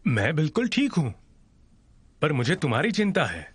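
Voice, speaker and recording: A man's voice: a little high, sing-song, normal speed, husky, no room sound, full character voice. A man dubbing a proud, stubborn man who insists on refusing help, in a drama. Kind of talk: Hindi dub of a drama.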